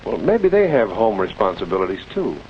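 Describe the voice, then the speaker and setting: An actor playing a well-meaning American husband who muses aloud, in 1940s instructional film style. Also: male voice, on the low side, very animated, brisk. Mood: musing. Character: well-meaning husband slowly reconsidering, a plant foreman. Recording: muffled, hissy 1940s film soundtrack.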